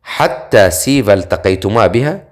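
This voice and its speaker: A man voicing a proud female ghoul princess in an audiobook, giving quick, anxious warnings. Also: lowish voice, expressive, close to an everyday voice. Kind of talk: audiobook character reading.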